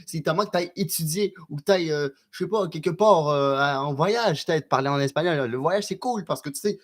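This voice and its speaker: Québécois guy on a live stream, slangy, stumbles and restarts a lot, chill chat with viewers. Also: fairly high pitch. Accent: Québécois French. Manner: loose and slangy, lots of quick restarts.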